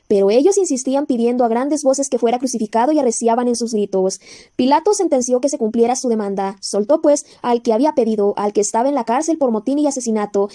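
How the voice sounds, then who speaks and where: A woman with a high, soft and mellow voice reads scripture aloud as an audiobook narrator. Her delivery is measured and solemn, with the section headings read more slowly. The recording is close and dry, with no room sound. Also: no echo. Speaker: Bible narrator.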